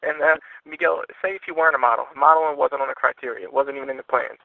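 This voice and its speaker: Heard through a telephone on a muffled, narrow line, this man speaks fast at medium pitch with vocal fry and no room sound. He's running a casual interview, keeping his wording laid-back and informal and acknowledging the other person often and briefly.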